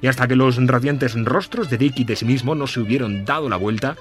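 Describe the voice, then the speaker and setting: A man narrating a classic Christmas story in a measured, storytelling way. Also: mid-range voice, faint music behind. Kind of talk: scripted narration.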